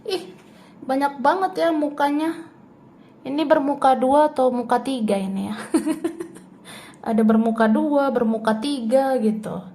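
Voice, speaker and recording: A woman's voice: high voice, unhurried, long pauses, warm tone. A woman doing a casual tarot reading who chats freely, laughs often and speaks the other person's thoughts in the first person. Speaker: tarot reader.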